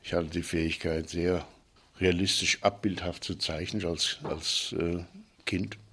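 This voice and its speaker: An older man with a deep, husky voice tells stories from his past. He speaks slowly and thoughtfully, pausing, restarting sentences and searching for words along the way. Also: little pitch movement, fairly bright tone. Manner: reflective, halting storyteller with pauses and restarts. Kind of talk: recounting childhood memories.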